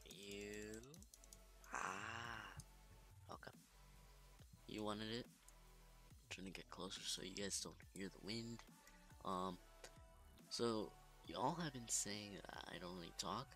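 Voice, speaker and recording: A man hosting casual gameplay commentary at home late at night, talking quietly and half-whispering into a close microphone. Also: lowish voice, a little slow, long pauses, soft background music. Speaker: gaming channel host. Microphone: desk microphone close to the mouth.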